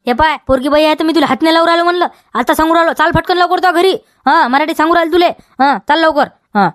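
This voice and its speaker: A woman's voice: sits high, fast talker, no echo, clean studio sound, lightly acted. A woman with a Vidarbha Marathi accent playing a scolding village farmer who nags and keeps tagging questions onto every line, in a comedy sketch. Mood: insistent. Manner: nagging, repeats demands, keeps tagging "हा?". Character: scolding village farmer man guarding his field.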